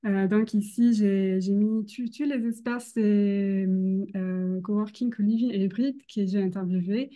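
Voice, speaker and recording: Hesitant young woman with a foreign accent, mellow voice. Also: medium pitch, fairly even intonation. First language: not French. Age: young adult. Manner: hesitant non-native French with frequent pauses and searching for words. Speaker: doctoral researcher presenting. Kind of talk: academic presentation.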